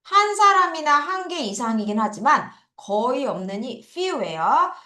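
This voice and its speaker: A woman's voice: high-pitched, very animated, measured pace, pushed and bright. A woman teaching an online English lesson, coaxing students to repeat words after her. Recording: echoey room.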